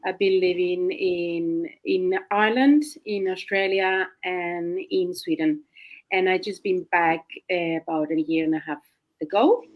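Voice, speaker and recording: A woman from Spain introducing herself on an online panel, hesitant and pausing often. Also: fairly low pitch, phone-quality sound. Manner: hesitant, many ums. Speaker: panel guest. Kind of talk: casual self-introduction.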